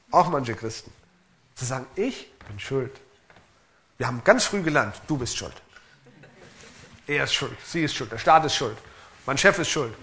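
A man's voice: mid-range voice, a bit bright, slight background noise. A middle-aged man preaching as a pastor in an earnest, emphatic way, asking his listeners direct questions. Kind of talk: sermon.

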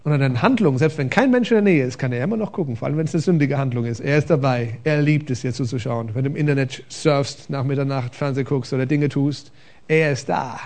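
Speaking fast in a mid-range voice, a male pastor delivers a lively, engaging, conversational sermon from the church stage, posing rhetorical questions along the way.

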